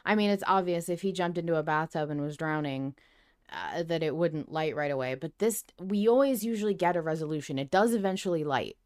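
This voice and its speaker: A woman with a low-pitched, brisk voice co-hosts a podcast, chatting casually about an audio drama. She talks emphatically as a fan and swears now and then.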